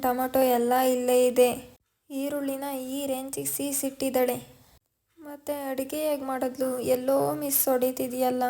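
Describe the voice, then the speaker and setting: A woman's voice: high voice, mellow. A woman vlogger casually retelling a television serial episode. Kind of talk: casual story narration.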